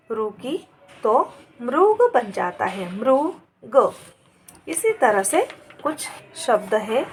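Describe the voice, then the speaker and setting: Woman, teacher, grammar lesson, patient word-by-word dictation, husky, higher voice. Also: a bit bright.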